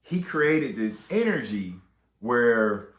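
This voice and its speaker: A man's voice: mid-range voice, very animated, takes it slowly. A man comedian casually telling a story, laid-back, slangy and meandering. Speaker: comedian guest. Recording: roomy echo.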